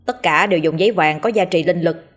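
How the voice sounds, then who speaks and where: Brief: woman doing brisk dismissive exorcist, low husky voice. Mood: curt. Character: calm curt young male exorcist.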